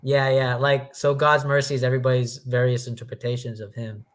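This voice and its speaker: A man's voice: medium pitch, level tone, fairly quick. Thoughtful man rambling casually. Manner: rambling, filler-heavy, thoughtful. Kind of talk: casual philosophical conversation.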